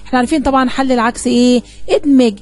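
A woman teacher with an Egyptian accent, talking at a quick clip in a slightly raised voice. She coaxes the class along, asking questions and answering them herself as she explains a grammar lesson. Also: sits high, steady tone, a little mellow, no echo. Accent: Egyptian Arabic.

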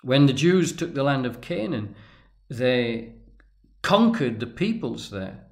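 A man lecturing at length off the cuff, speaking deliberately and pausing often, with restarts as he stresses key words. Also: mid-range voice, big pitch swings. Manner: deliberate, halting, with restarts and emphatic pauses. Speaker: tarot and religion commentator. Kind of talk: unscripted lecture.

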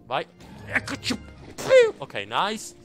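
A young man from Italy commentating a platform game, excitable, swearing and exclaiming often. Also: on the high side, slow pace, soft background music. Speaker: gaming YouTuber. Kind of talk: let's play commentary.

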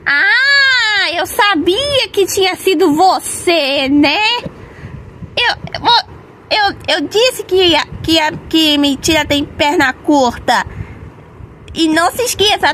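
A woman voicing a suspicious girl doll in a homemade story, moralizing haltingly about honesty. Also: extremely high pitch, expressive, sharp tone, a little hiss or hum, full character voice. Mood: scolding. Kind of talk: amateur doll-play storytelling.

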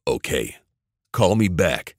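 A man doing a low, calm tough ex-soldier. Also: dry recording, clean studio sound, full character voice. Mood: cool. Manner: low, slow, calm, menacing. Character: cool, tough male ex-soldier.

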